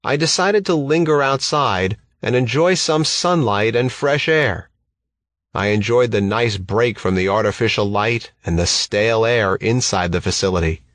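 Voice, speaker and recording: A man reading a first-person audiobook in a steady, measured way. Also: fairly low pitch, dry recording. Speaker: audiobook narrator.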